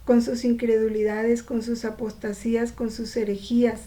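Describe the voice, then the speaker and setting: A woman reading from a devotional text and explaining it, pausing to ask her listeners rhetorical questions. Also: on the high side, flat delivery, dark tone. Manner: slow, reflective, poses rhetorical questions to listeners.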